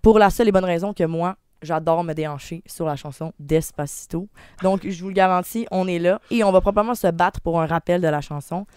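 A young woman with a Québécois French accent, co-hosting a radio show in playful, excited chat, joking and stammering through fillers. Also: lowish voice, brisk, clear, resonant tone, no echo, clean studio sound. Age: young adult. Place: radio studio.

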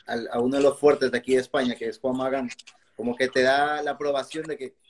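A woman interviewer chatting casually with a guest, relaxed and giving many short backchannel replies. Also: very deep voice, fairly quick, a little hiss or hum.

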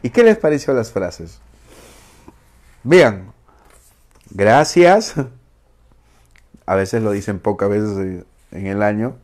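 Speaking slowly with long pauses, this male online host has a lowish, animated, somewhat mellow voice. His casual chat for a female audience is teasing and playful, full of laughter and acted-out phrases.

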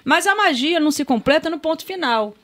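Middle-aged carioca woman, high voice, chatty and emotional, swears casually on a podcast. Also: brisk. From Rio de Janeiro, Brazil. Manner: lively, emotional storyteller who swears casually. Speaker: guest. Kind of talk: casual storytelling in a podcast chat.

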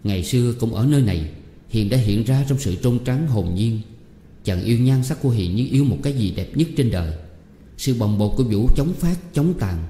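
Warm-voiced man narrating a novel. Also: medium pitch, expressive, normal speed, a little hiss or hum. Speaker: audiobook reader. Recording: echoey room with long reverb.

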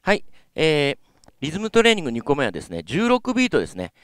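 A man's voice: fairly high pitch, huge pitch swings, quick pace, fairly bright tone, clean tone, no echo, soft background music. A man teaching as a vocal coach, explaining politely with many filler sounds. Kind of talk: instructional lesson.

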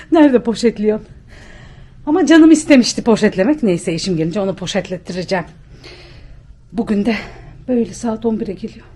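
A chatty woman vlogger with a Bulgarian Turkish accent rambles casually to a handheld camera at home, laughing often. Her voice is medium-pitched and dark, with a little hiss or hum in the recording.

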